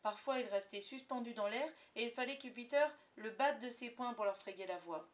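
A woman narrating a children's storybook aloud, expressive and dropping softer for suspense. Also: on the high side, normal speed. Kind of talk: audiobook narration of a children's classic.

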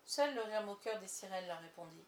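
A woman's voice: mid-range voice, lively intonation, a little fast, roomy sound, heavy background noise. Woman reading a storybook aloud. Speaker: narrator.

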